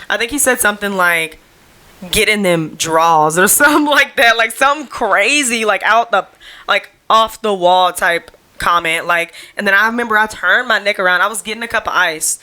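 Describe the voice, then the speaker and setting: Sitting at home before a camera, a young woman runs her own solo podcast with a mid-range, sharp-toned voice at normal speed. Her talk wanders freely, sprinkled with "like" and slangy phrasing.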